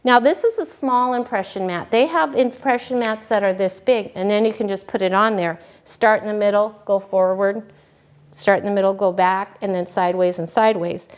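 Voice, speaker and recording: A woman's voice: medium pitch, moderate pace, clear, resonant tone. Folksy woman teaching cake decorating. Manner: folksy, relaxed, talks while working. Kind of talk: hands-on demonstration.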